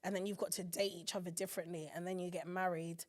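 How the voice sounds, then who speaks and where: A woman's voice: fairly low pitch, quick pace. A woman in her thirties from England, co-hosting a podcast in casual chat, telling stories with feeling. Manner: emotional, animated storytelling with put-on voices. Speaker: podcast co-host.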